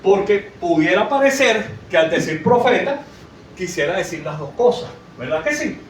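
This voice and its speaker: A man's voice: high-pitched, big pitch swings, normal speed. A man preaching a sermon in a conversational way, often asking the congregation questions. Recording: echoey, from far off, faint noise.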